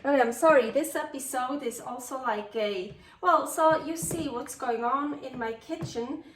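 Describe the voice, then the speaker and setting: Her voice sits high and moves at normal speed: a Swiss woman with Swiss-tinged Californian English, hosting a cooking vlog from her home kitchen. She keeps up casual, rambling, unscripted chat, joking at her own expense and exclaiming as things go wrong. It's recorded in a roomy space on a distant mic with faint noise.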